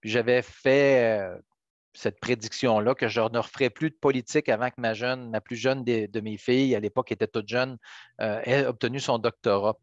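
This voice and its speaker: A man's voice: medium pitch, steady tone, moderate pace, no echo. Muffled middle-aged man with Quebec French accent. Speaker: politician, interview guest. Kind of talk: conversational interview answers. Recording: dull, lo-fi band-limited sound.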